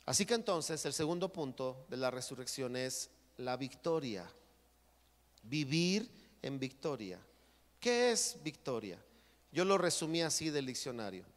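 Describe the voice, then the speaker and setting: A man's voice: medium pitch, very animated, a little slow. A man preaching a sermon as pastor, acting out what church members say. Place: church sanctuary. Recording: long church hall reverb.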